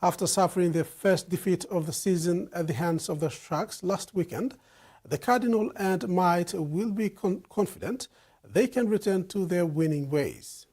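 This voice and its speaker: Husky, higher-voiced male newsreader. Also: moderate pace, darkish tone. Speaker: news presenter. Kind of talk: scripted news reading.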